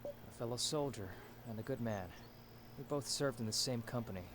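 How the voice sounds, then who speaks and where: A man's voice: mid-range voice, moderate pace, background noise, close to an everyday voice. Curt, proud young soldier played by a man. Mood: serious. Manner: curt, sarcastic, dismissive. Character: proud, impatient, skeptical young male soldier. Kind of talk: dramatic game voice acting.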